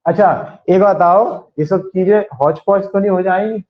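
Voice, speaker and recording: A man's voice: high-pitched, normal speed. A man with a western Uttar Pradesh Hindi accent teaching a maths class, quizzing his students and repeating the key points. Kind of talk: classroom lecture. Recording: echoey, dull lo-fi classroom recording.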